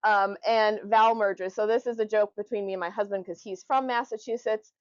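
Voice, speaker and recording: A woman's voice: medium pitch, steady tone, a little fast, clean tone, dry recording, highs cut off. A woman giving an informal, jokey explanatory talk to a group, conversationally demonstrating how words are pronounced. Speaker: presenter.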